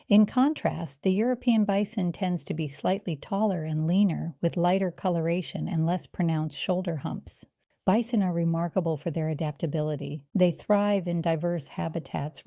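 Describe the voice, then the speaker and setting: A woman reading scripted nature documentary narration in a measured, earnest and polished way. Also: lowish voice, vocal fry, mellow, no echo, studio quality.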